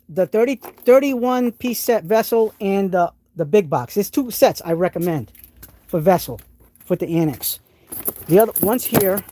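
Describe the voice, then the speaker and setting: A high-voiced man with a dark tone hosts a live tool stream, showing tools and answering chat with rambling enthusiasm and lots of restarts. He has a New England accent and is from New England, United States.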